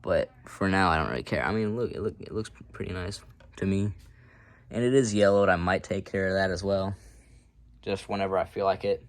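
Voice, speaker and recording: Speaking a little fast in a low voice, a hobbyist walks through his radio collection. His show-and-tell is unscripted and casual, full of offhand, self-deprecating rambling.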